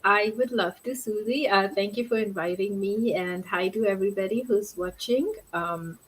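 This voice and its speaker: A woman's voice: mid-range voice, moderate pace, slight background noise, low-quality recording. A middle-aged woman from Fiji, talking as an interview guest over a video call, chatty and full of fillers and restarts. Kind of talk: casual interview talk.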